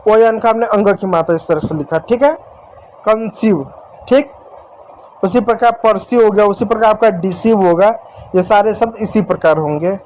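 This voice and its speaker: A man's voice: high voice, normal speed, darkish tone, a little hiss or hum, low-quality recording. A male teacher giving a whiteboard spelling lesson, repeating himself and asking and answering his own questions. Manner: addresses viewers as dear children. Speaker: English teacher.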